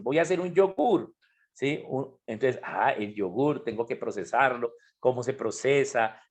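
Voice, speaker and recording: A man teaching an online chemistry class, explaining step by step and often asking if students follow. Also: medium pitch. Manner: explanatory, asks frequent checking questions. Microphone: computer mic on a video call.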